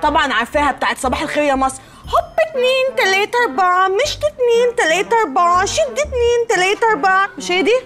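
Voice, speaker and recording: An actress with an Egyptian accent playing a bossy, sharp-tongued young woman in a sitcom, bickering sarcastically. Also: very high-pitched, big pitch swings, racing, music in the background. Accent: Egyptian Arabic. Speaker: sitcom character. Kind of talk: sitcom acting.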